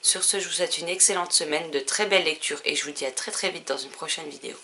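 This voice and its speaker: A woman's voice: low voice, fast, bright, forceful tone, slight background noise. A woman vlogger chatting casually about her book purchases, rambling and full of hesitations. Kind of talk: casual book haul chat.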